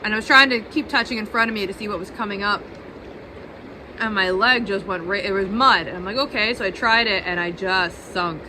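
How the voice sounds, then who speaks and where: A woman recounting a river mishap in vivid, step-by-step detail. She speaks at an everyday middle pitch, and a faint outdoor hush sits under her voice. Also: a little fast, slight background noise, rough recording. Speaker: vlog co-host, kayaker. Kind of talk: casual storytelling.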